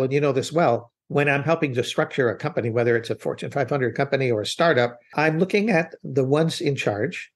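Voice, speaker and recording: A man as an interview guest, speaking earnestly and reflectively in long, winding answers with restarts. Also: mid-range voice. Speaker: business consultant guest. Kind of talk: interview conversation.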